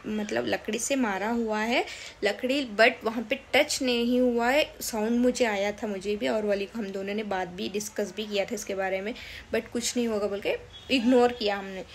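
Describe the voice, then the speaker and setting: A woman's voice: on the high side, slight background noise. A young woman, talking to her camera in a hesitant, upset way, many fillers and restarts. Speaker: vlogger. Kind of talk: casual vlog talk to camera.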